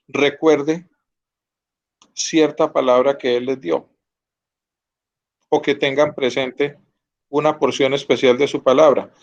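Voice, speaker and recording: A man's voice: medium pitch, lo-fi sound. A man teaching an online Bible class, earnest and often checking that his students follow. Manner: earnest, asks students to confirm.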